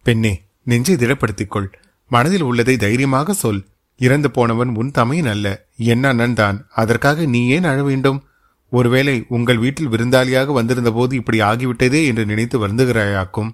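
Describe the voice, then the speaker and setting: A man's voice: mid-range voice, moderate pace, lightly acted. A man voicing a proud, stern royal princess who scolds and commands. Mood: consoling.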